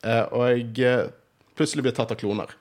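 Hosting a casual podcast, a Norwegian man with a Bergen accent is talkative and laughs often. His mid-range, darkish voice stays fairly even in intonation.

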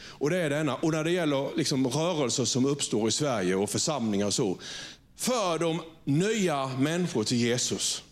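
A man's voice: medium pitch, expressive. A pastor preaching to his congregation in a conversational way, often checking for agreement and restarting his sentences. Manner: frequent restarts and repeated words. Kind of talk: sermon. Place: church before a congregation.

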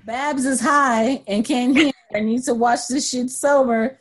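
A woman's voice: high-pitched, steady tone, a little slow, slightly rough. Sassy woman in her thirties joking about TV. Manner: sassy, joking, profane banter. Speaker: podcast co-host. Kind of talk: casual chat recapping a TV show.

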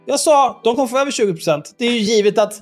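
A man's voice: extremely high pitch, expressive, faint music behind. A man co-hosting a podcast in casual chat, full of teasing, sarcastic banter. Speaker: podcast co-host.

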